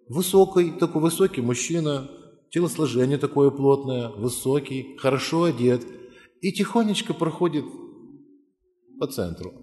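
A man's voice: fairly high pitch, a little mellow. A male preacher telling a conversion story in earnest, pleading tones and calling listeners forward to pray. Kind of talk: sermon with altar call. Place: church hall. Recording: long hall reverb.

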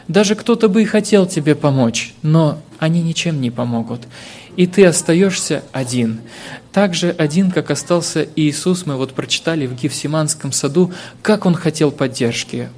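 A man's voice: on the high side, darkish tone. A man preaching a sermon, telling of his own hardships in an earnest, heartfelt way with hesitant fillers.

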